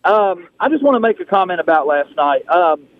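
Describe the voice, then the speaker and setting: A man's voice: sits high, expressive, moderate pace. A male radio caller heard over the phone, talking politely and stumbling over repeated words when he criticizes. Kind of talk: call-in talk radio comment. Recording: tinny phone line with faint noise.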